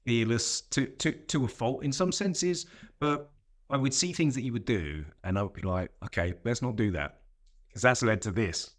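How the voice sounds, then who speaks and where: A man's voice: mid-range voice, animated, normal speed. A middle-aged man talking as a podcast guest, reflective and telling stories in casual conversation. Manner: reflective, storytelling.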